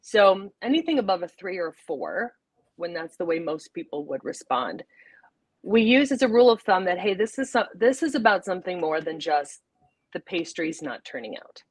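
A woman's voice: lowish voice, very animated, moderate pace, slightly rough, dry recording. A woman, a psychologist guest congested from a sinus infection, explaining things informally with everyday examples. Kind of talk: casual explanatory interview talk.

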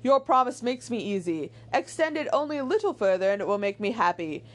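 A woman voicing an earnest young gentleman suitor in a read-aloud novel, speaking warmly and pleadingly. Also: on the high side, very animated, a little fast, voice pushed up. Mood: ardent. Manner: warm, pleading.

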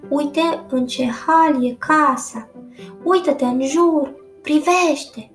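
A woman's voice: very high-pitched, fairly bright tone, voice pushed up. A woman voicing a fussy, indignant pet fish who scolds and complains, in an echoey room with faint guitar music. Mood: scolding.

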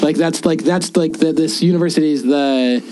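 A man's voice: fairly high pitch, normal speed, a little mellow. A man co-hosting a casual chat, talking loosely with lots of "like" fillers. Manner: chatty, full of "like" fillers. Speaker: podcast co-host.

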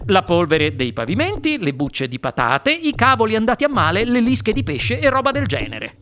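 A woman voicing an eccentric chocolate maker who speaks calmly and matter-of-factly. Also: medium pitch, normal speed, pitched above the performer's own voice. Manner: unruffled, matter-of-fact. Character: calm, whimsical eccentric chocolate maker, man.

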